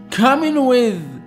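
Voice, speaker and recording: Hosting a relaxed music reaction video, an Algerian man in his thirties talks in a very high-pitched voice, his non-native, Algerian-accented English halting, excitable, and full of restarts. He's in a small room against a dark blue backdrop, speaking into a studio mic right in front of his face, with faint guitar music in the background.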